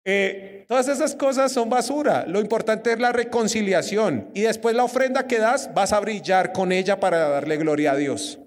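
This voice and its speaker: A young Colombian preacher with a high voice gives a lively sermon, keeps questioning his congregation. His voice rings through a hall with a long reverb. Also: moderate pace, hardly any pauses. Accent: Colombian Spanish. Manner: lively, asks the audience questions.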